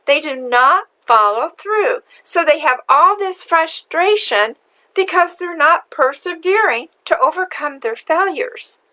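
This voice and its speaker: Bright-voiced woman telling a story slowly. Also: high voice, animated, rough recording. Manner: slow, deliberate storyteller. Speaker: marketing video host. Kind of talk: storytelling vlog.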